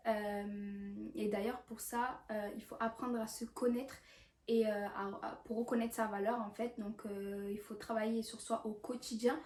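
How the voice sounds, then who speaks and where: A woman's voice: mid-range voice, flat delivery, measured pace, darkish tone. Young woman rambling on her vlog, lots of ums, sounds far from the mic in a roomy space. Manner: hesitant, many fillers and restarts. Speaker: YouTuber. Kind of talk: casual self-help vlog talk. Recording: echoey room, mic at a distance, faint background hiss.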